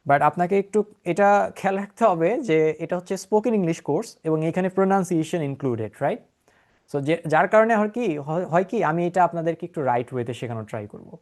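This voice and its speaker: A man's voice: on the high side, expressive, quick pace, darkish tone. Bangladeshi man teaching English pronunciation. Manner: explains in Bengali mixed with English, often checks understanding. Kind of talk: online class with screen share.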